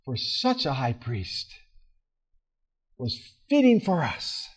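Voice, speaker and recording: A man teaching a Bible study in a casual, earnest way, with fillers and restarts, swinging from loud emphasis to soft, quiet asides. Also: mid-range voice, huge pitch swings, slow, husky. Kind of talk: conversational Bible study talk.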